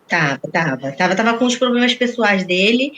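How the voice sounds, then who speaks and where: Fast-talking woman telling her story. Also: mid-range voice, lively intonation, a loud crowd. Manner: rapid, acts out quoted dialogue. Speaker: interviewee. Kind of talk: emotional personal account.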